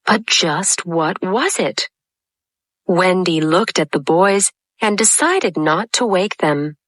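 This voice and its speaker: A woman narrating a storybook in a calm, measured way. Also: fairly low pitch, no room sound.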